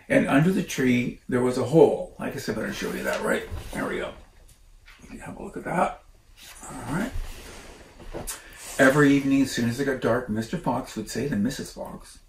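In a living room beside a stone fireplace, an older storyteller reads a children's book aloud, informal and unhurried, stopping now and then for chatty comments. His voice is medium-pitched and a little mellow. A camera a few feet away picks him up, so the sound is roomy and distant with faint noise.

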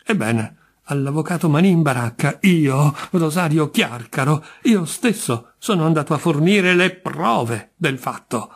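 A man with a husky voice voicing Chiarcaro, a bitter middle-aged man branded a jinx, indignant and insistent in an audiobook reading. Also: fairly high pitch, lively intonation, a little slow, pitched above the performer's own voice, full character voice.

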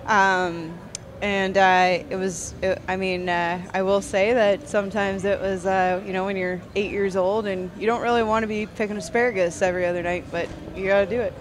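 A woman's voice: medium pitch, little pitch movement, moderate pace, slight background noise. A young Canadian woman from Eastern Ontario, a farmer guest chatting casually with lots of fillers and easy laughter. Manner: chatty, many fillers and restarts, laughs easily. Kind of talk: casual interview chat.

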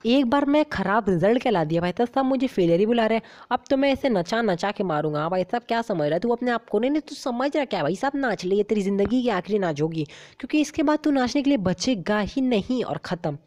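A woman's voice: a little high, quick pace, hardly any pauses. Woman playing a brash cheeky baby gangster. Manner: excitable, chatty, exclaiming often. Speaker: gaming YouTuber. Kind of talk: comic game commentary in character.

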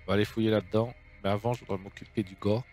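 A man's voice: lowish voice, fairly even intonation, very fast, darkish tone, faint music behind. A man hosting a let's play, commenting casually on his gameplay with jokes and reading the game's lines aloud. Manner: joking, reads game dialogue aloud in French.

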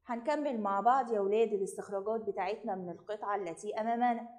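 Fast-talking Egyptian woman teacher. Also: mid-range voice, darkish tone. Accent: Egyptian Arabic. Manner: brisk, addressing children directly. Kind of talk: primary school Arabic review lesson.

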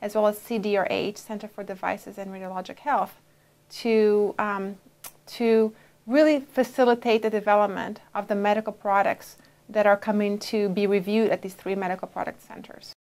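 Brazilian-born woman, flat measured speech. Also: medium pitch. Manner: measured, even delivery with frequent fillers. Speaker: interviewee, FDA official. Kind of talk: interview answers. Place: dark studio, indoors. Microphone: lapel mic.

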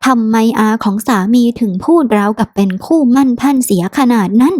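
A woman's voice: on the high side, expressive, fairly quick, a little mellow, no echo, clean studio sound. A woman voicing a jealous young wife who sulks and pouts at her husband in a storybook reading. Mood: suspicious. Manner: pouty, sulky.

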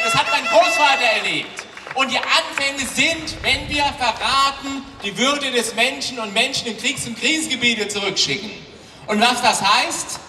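Middle-aged guy yelling a protest speech, bright high voice, echoey pa from far off in the crowd. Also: a little hiss or hum. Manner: forceful, rhetorical questions, often shouting. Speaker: rally speaker. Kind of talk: impassioned rally speech. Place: outdoor stage at a large rally. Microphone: handheld mic, filmed from the crowd. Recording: distant PA sound echoing outdoors with crowd.

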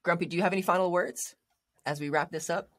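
A man hosts a casual podcast, upbeat and relaxed. His talk is loose and sometimes stumbles. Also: sits high, fast. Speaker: podcast host.

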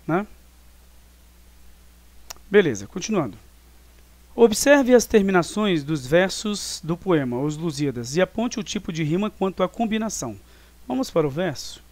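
Brazilian man, teacher, voice on the high side, dry close sound, chatty explainer. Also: no room sound. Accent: Brazilian Portuguese. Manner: explanatory, full of tag questions and fillers. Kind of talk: online class review lesson.

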